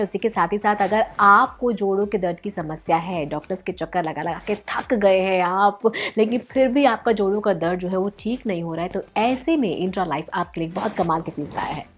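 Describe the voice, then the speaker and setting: A woman hosting a promotional talk show, speaking energetically and addressing the viewers directly. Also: medium pitch.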